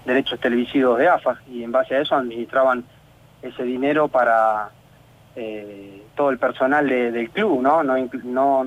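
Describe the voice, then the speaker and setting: A man with an Argentine Spanish accent, a professional footballer in a radio interview, talking in an earnest, frustrated way with many halting restarts. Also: medium pitch. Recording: phone line on radio.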